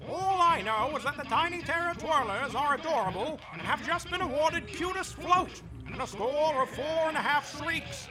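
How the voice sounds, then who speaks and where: Cheeky cartoon event announcer, super high lively voice, music going behind. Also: male voice, moderate pace, hardly any pauses, rough recording. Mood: excited, announcing. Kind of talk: event commentary.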